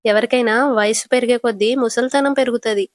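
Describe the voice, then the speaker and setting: Lady doing a bossy rude grandson, teasing, kinda high voice, dry sound. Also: fairly even intonation, a little fast, no room sound, lightly acted. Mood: mocking. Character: cheeky young man teasing his grandmother.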